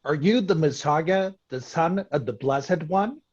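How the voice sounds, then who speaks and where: Man playing indignant priestly interrogator, scripture drama; higher male voice, very slow delivery, muffled sound. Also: lively intonation, a little mellow, breathy edge. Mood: demanding. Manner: deliberate, interrogating.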